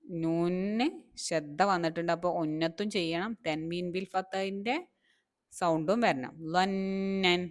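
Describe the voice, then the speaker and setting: A woman teaching Arabic reading, drawing out each word and asking her listeners questions. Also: on the low side. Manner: drawn-out repeated words between quick explanations. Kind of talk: slow reading lesson.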